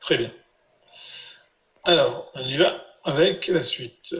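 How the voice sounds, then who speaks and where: A man teaching a live online class, patiently repeating syllables slowly for his students over a video call. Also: medium pitch, a bit bright. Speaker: Biblical Hebrew teacher. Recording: roomy, dull lo-fi sound.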